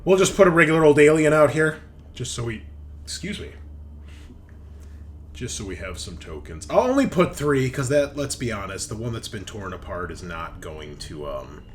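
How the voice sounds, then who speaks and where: With game music in the background, a man running a tabletop game as game master narrates casually and thinks aloud, using informal, sweary phrasing. His mid-range voice is very animated and paced normally.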